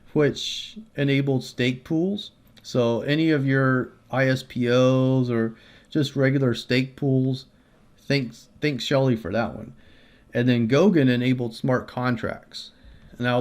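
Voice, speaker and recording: Male creator, mid-pitched, casual tutorial read with loose fillers and restarts, close mic. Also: darkish tone. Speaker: crypto video creator. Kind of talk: casual explainer walkthrough.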